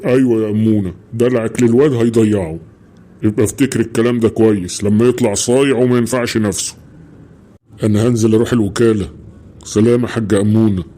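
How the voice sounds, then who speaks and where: A man voicing a gruff, quick-tempered middle-aged Egyptian father in a cartoon, grumbling and scolding his son in an Egyptian Arabic accent. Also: lowish voice, fairly even intonation, dark tone, natural voice. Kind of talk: cartoon voice acting.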